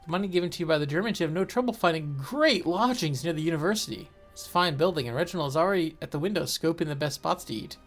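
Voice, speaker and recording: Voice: mid-range voice, quick pace, few pauses, faint music behind. A co-host reading aloud the narration of a horror game and breaking off for joking asides.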